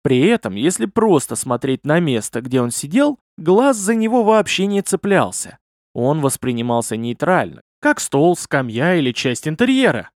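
Expressive man narrating an audiobook. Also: a little high, moderate pace, dry recording, clean studio sound. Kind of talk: scripted fantasy audiobook narration.

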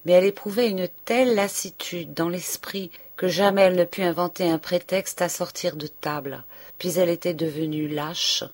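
A woman's voice: fairly low pitch, fairly even intonation, normal speed, darkish tone. A woman narrating a novel as an audiobook, reading expressively and dropping to a whisper at tense moments. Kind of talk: scripted narration.

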